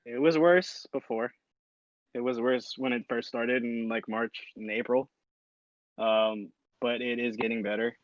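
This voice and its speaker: A man's voice: mid-range voice, steady tone, measured pace, no echo. A young man joins a friendly podcast chat, tossing in crude jokes between answers. His mic sounds dull and dry. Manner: joking, crude. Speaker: podcast cohost. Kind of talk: casual group chat.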